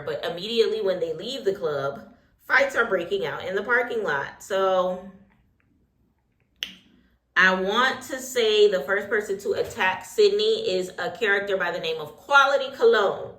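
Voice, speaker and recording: A woman's voice: medium pitch, fairly bright tone, roomy sound. A woman hosting a casual reality TV recap while getting ready, talking in a sassy, opinionated way full of slang and asides. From Haitian heritage.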